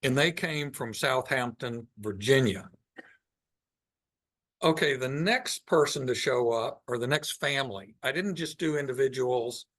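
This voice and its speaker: Slow, unhurried man presenting slides. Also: mid-range voice, fairly bright tone. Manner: unhurried, thinking aloud with frequent pauses. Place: meeting room with a live audience.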